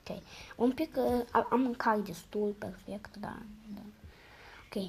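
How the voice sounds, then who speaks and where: Hoarse, excitable young-sounding woman gamer. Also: on the high side, a little hiss or hum. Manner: excitable, slangy, sudden loud outbursts and muttered asides. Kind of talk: casual gameplay commentary.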